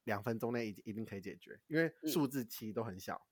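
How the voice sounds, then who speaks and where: Lively fast-talking young man. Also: lowish voice, dry recording, studio quality. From Taiwan. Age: young adult. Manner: animated, swears casually, laughs while telling. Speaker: podcast co-host. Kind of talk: casual storytelling chat.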